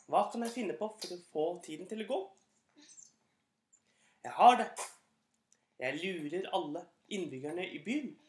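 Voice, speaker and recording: A woman voicing a mischievous young shepherd boy who yells shrill cries for help in a storybook reading. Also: animated, hardly any pauses, slight background noise, lightly acted. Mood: scheming. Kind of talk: storybook character voice. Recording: echoey room.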